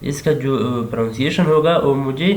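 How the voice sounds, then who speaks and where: Keyboard typing and mouse clicks sound behind a man with a Pakistani Urdu accent as he records a coding tutorial in an echoey room with faint hiss. He explains steadily at normal speed in a medium-pitched voice, frequently asking "theek hai na."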